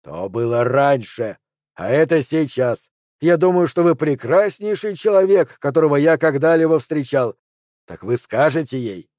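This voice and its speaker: Scared guy begging at gunpoint, strained and loud, dry sound, man reading. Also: on the high side, lively intonation, moderate pace, dry recording, natural voice. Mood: tense. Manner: tense, pleading. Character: nervous man pleading at gunpoint.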